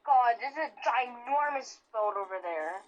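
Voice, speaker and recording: A young girl playing a game with her friend over voice chat, excitable and talking fast in bursts. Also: fairly high pitch, dull audio, slight background noise. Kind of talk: casual gameplay chat.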